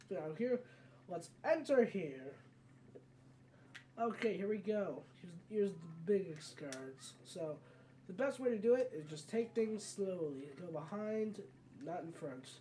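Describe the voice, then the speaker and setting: This is a let's player talking through a video game in a loose, rambling way, frequently correcting themselves mid-sentence. The voice has a medium pitch and a warm tone, picked up by a faraway mic with background noise.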